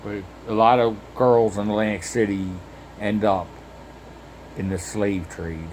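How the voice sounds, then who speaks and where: A man's voice: fairly low pitch, steady tone, a little slow, a little mellow, slight background noise. A man telling a rambling first-person story, swearing constantly and restarting his sentences again and again. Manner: heavily profane, rambling, with frequent restarts and fillers.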